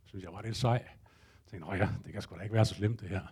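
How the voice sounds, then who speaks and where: A man's voice: lowish voice, darkish tone, breathy edge. A man telling a comic first-person story to a live audience, acting out his own panic and thoughts with casual swearing.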